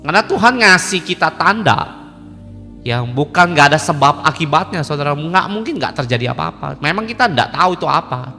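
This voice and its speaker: A man's voice: a little high, animated, a little fast, gravelly, pushed and bright, soft background music. A male pastor giving an informal, colloquial sermon, joking and acting out conversations as he preaches. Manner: colloquial, joking, acts out dialogues. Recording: long hall reverb.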